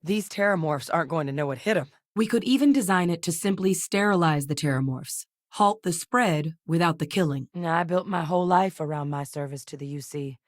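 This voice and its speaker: Here a deep female voice plays a former soldier-turned-scientist in a video game, a guarded and steady figure who speaks matter-of-factly at a measured pace and barks commands in battle. The performance is lightly acted, recorded at studio quality with no room sound.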